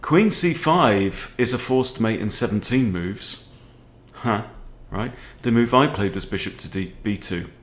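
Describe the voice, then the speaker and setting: A man in his forties walks through a chess game for his video in an easygoing, conversational manner, frequently asking brief questions. His lowish voice is animated but a little slow, recorded indoors in a book-lined room at home.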